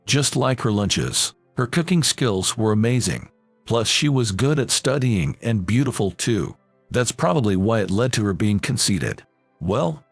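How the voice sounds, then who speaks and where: A man's voice: mid-range voice, gravelly, no room sound. A man reading a first-person drama story aloud as narrator, voicing every character in the same plain voice.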